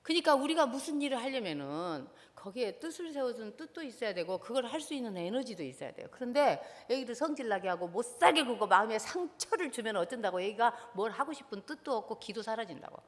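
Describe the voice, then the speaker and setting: A high, very lively woman's voice, rising and falling sharply as she lectures with passion in a church hall. She keeps turning to her audience with questions. A long reverb trails after each phrase. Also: fast talker, few pauses. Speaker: seminar lecturer, professor.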